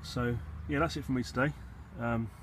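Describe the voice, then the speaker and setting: Here an Englishman vlogs about gardening, giving a relaxed, meandering tour outdoors across an allotment and inside a polytunnel while musing aloud, low-key and a bit hesitant. His tone stays steady at a normal speed. Captured handheld from behind a phone or camera, the recording is noisy, with wind and rumble behind him.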